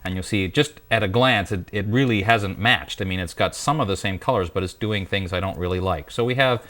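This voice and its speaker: Very low-voiced man explaining calmly. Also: brisk. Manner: calm, explanatory, with small restarts. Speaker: guest presenter. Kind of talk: software tutorial.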